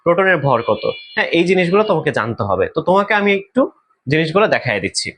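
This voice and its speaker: Male teacher with a Bangladeshi Bengali accent, slightly high and very animated in pitch, drills students by asking and answering his own questions. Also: racing. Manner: asks questions then answers them himself; repeats key terms for emphasis. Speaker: chemistry teacher. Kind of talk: exam-prep lesson.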